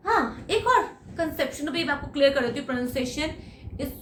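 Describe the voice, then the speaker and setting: Lively woman teaching English. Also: high voice, a little fast. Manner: lively, coaxing, urges viewers to repeat after her. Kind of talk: online English lesson in Hindi. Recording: echoey room with faint background noise.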